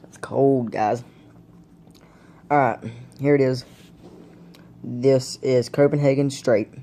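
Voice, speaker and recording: A man's voice: mid-range voice, fairly even intonation, slow pace, mellow, a little hiss or hum. A young man in a casual home video, talking in a laid-back, rambling way to his viewers, with the hiccups. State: has the hiccups. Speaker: vlogger reviewing dip tobacco. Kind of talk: casual vlog chat. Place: indoors at home, camera propped on a blanket.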